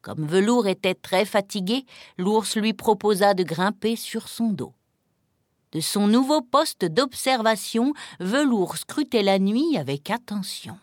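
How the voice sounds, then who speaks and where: A woman narrating a children's storybook in a gentle, expressive reading voice. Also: mid-range voice, unhurried, no echo.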